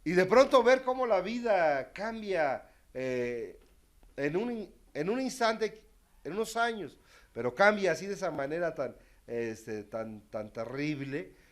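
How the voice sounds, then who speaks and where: A man telling his recovery story to a group, candid and self-mocking, his loudness rising and falling sharply. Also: sits high, sing-song, measured pace. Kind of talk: testimonial talk to a group.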